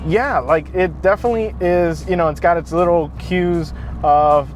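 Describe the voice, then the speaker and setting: Casting note: enthusiastic male car reviewer, slightly high voice, outdoors, faint music underneath. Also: normal speed. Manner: enthusiastic, casual, many fillers and restarts.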